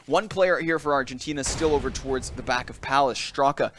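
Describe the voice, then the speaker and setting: A man calling live esports play-by-play, brisk and analytical. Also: mid-range voice, fairly bright tone, faint music behind. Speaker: esports caster.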